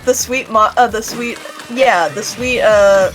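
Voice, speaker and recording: A woman's voice: fairly high pitch, a little slow. A woman streaming a game, chatting casually and rambling with many restarts. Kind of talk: casual chat while gaming. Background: game music.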